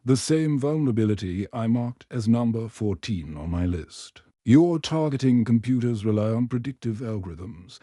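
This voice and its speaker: A man reading the lines of a calm, quiet teenage boy hacker in a storybook, voice low and soft. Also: normal speed, few pauses, no echo, clean studio sound, lightly acted. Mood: calm, focused. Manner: calm, barely above a whisper.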